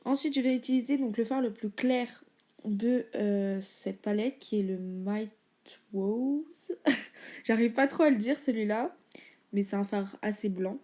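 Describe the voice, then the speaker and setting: A woman's voice: on the high side, normal speed, warm tone. A young woman chatting casually through a makeup tutorial, with many fillers and informal slang. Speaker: beauty vlogger.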